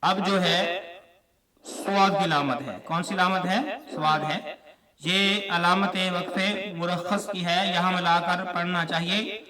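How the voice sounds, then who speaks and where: A man's voice: high voice, fairly even intonation, unhurried, recorded from a distance, a crowd in the background. A man with a Pakistani Urdu accent teaching a religious lesson, repeating each point and quizzing his listeners. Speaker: Quran teacher.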